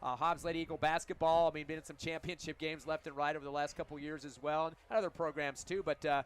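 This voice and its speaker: A man's voice: a little high, little pitch movement, fast, clean tone. A man hosting a halftime broadcast interview from a stadium press box, chatty and folksy, joking with his guest. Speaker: radio sports broadcaster.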